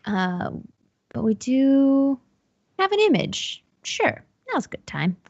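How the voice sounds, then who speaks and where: A woman's voice: high voice, very animated, slow pace, darkish tone, no echo, muffled recording. A woman running a tabletop horror game as game master, describing scenes with frequent ums and restarts.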